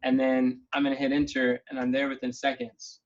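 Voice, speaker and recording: Over dull, lo-fi video call audio, a meeting leader brings an easygoing, upbeat mood to a relaxed planning session. His voice is a middle pitch, and he thinks aloud at a brisk pace.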